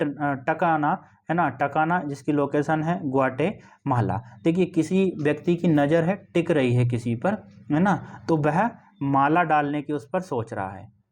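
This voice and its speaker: Male teacher, slightly high voice, patient explainer who repeats and checks in. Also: a little mellow. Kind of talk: exam-prep memory tricks lesson.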